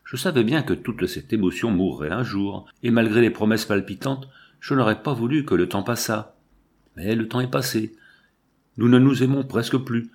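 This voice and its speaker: A man's voice: medium pitch, normal speed, darkish tone, husky. A man reading the part of an anguished woman who laments aging and death, in a mournful, impassioned recitation. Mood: sorrowful.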